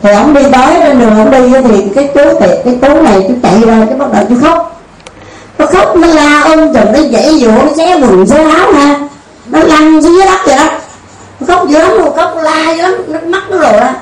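Woman, high voice, relaxed folksy storyteller, recorded from afar. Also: a little fast, soft background music. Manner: homely and conversational, with frequent restarts. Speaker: storyteller and teacher. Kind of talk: casual spoken teaching with a folk tale. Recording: roomy distant recording with faint ambience.

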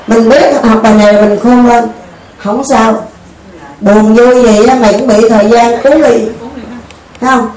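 High-voiced woman storyteller. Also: fairly even intonation, measured pace, pauses often, a little mellow, a little hiss or hum. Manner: homely and conversational, with frequent restarts. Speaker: storyteller and teacher. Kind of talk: casual spoken teaching with a folk tale. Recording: roomy distant recording with faint ambience.

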